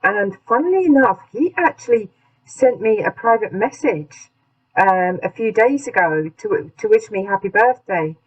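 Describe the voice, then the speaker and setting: A woman's voice: medium pitch, animated, moderate pace, slightly rough. A woman co-hosting a casual podcast, giggly, candid and chatty. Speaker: podcast co-host. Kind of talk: casual chat. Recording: dull lo-fi sound.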